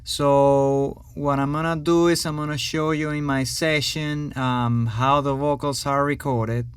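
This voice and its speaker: Guy walking thru his home studio session, slow and clear, dry sound, lots of ums. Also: fairly high pitch, no echo. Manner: relaxed, hesitant, many fillers. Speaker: home recording host. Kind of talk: casual tutorial talk.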